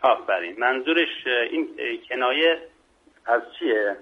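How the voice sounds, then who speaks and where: Man, Mashhadi accent, slow drawn-out recitation of comic verse, tinny phone line, middling pitch. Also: animated. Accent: Mashhadi Persian. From Mashhad, Iran. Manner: slow, drawn-out poetic recitation with repeated lines. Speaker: guest poet. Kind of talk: reciting humorous verse and chatting on a radio call.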